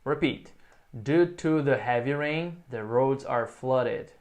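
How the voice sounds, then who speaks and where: Man teaching English, slow repeated phrases. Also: medium pitch. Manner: explains in Portuguese, models English phrases slowly for repetition. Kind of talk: recorded online English lesson.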